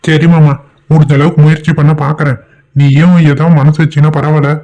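A man's voice: fairly high pitch, flat delivery, a little fast, warm tone, lightly acted. A man voicing a young village man pleading to marry, whiny. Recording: dull lo-fi audio.

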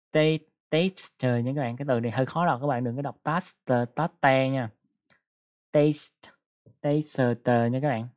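A man teaching an English grammar lesson in a casual classroom style, explaining patiently with frequent fillers and prompts to the class. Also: mid-range voice.

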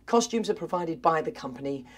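A man's voice: fairly high pitch, expressive, fairly quick. An upbeat, enthusiastic man in his thirties chatting casually to camera as a cruise director and vlog host. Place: aboard a cruise ship, in cabins, corridors and busy public decks.

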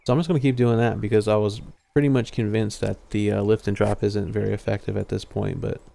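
A young man streams a fishing game over livestream headset audio, his low, mellow voice close to the mic. His speech is gravelly and flat in tone. He explains mechanics in a relaxed, rambling way, full of ums and half-finished thoughts. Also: fast. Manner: laid-back, explains as he plays, trails off with fillers. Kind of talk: casual live gameplay commentary.

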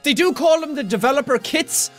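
A young man reading out and answering viewer comments in a casual vlog, talking loudly and playfully. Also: very high-pitched, a little fast, faint music behind. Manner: loud, energetic, playful.

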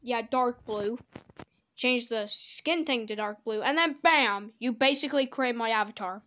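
Speaking into a desk microphone, a woman gives casual reaction commentary on videos, blunt and crude, swearing freely and breaking into sudden loud outbursts. Her voice sits a little high and her pace is measured.

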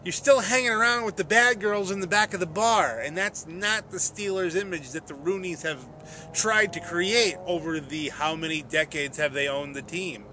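Standing in an open grassy field, a middle-aged man vlogs sports commentary to a nearby camera, his voice sitting high, bright, and forceful at a moderate pace. He keeps it conversational but emphatic, and the outdoor camera audio is noisy.

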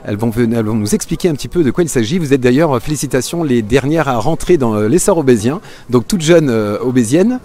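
A middle-aged man interviewing exhibitors outdoors with a handheld mic, relaxed and full of hesitations. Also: mid-range voice. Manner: quick, relaxed, many hesitations. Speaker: event interviewer. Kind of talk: friendly on-site interviews. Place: outdoor park at a business fair.

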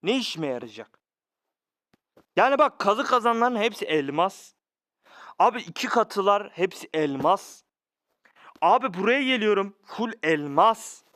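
High-voiced man ranting about a game. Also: animated, measured pace, long pauses, a bit bright, dry recording, studio quality. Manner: exasperated, repeats rhetorical questions, addresses viewers as brothers. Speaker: mobile game player. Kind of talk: ranting screen-recorded game commentary. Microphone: phone recording.

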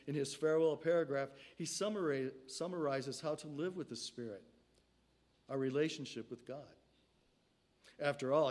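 An older man preaching a sermon at a lectern in a church sanctuary, speaking into a stand mic in slow, measured phrases that fall away at the end of each line. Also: medium pitch.

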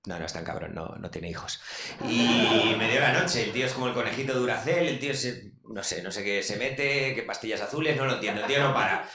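A man's voice: lowish voice, quick pace, hardly any pauses, over a noisy crowd. A man in his thirties with a Spanish accent doing a brash, crude stand-up comedy monologue, acting out quotes in put-on voices. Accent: Spanish from Spain. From Spain. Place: comedy club stage. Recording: echoey club with loud background noise.

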